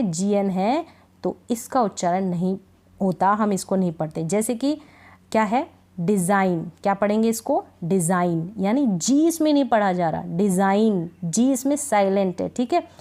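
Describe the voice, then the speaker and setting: Slow, patient woman teaching phonics. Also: mid-range voice, warm tone. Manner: slow, repetitive drilling of words, frequent "thik hai" check-ins. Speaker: English reading teacher. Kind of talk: Hindi-language phonics lesson.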